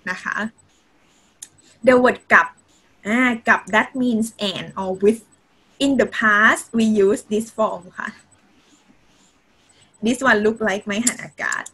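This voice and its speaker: A woman's voice: on the high side, fairly even intonation, drawn-out words, pauses often, sharp tone, slight background noise, low-quality recording. A woman teaching Thai in a video-call lesson, mixing simple English with Thai and adding polite particles often. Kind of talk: online language lesson.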